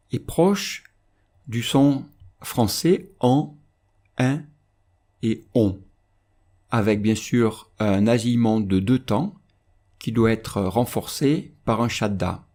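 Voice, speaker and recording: A man explains recitation rules in a calm, measured teaching voice-over. His voice sits fairly low and sounds mellow and warm. He speaks unhurriedly, laying out each point slowly. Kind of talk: instructional voice-over lesson.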